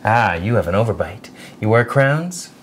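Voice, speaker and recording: An actor playing a calm, probing police crime-lab lieutenant, questioning a suspect in a TV crime drama scene with quiet, clipped lines. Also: male voice, fairly low pitch, normal speed, slightly rough. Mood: coolly probing. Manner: quiet, clipped, coaxing interrogation.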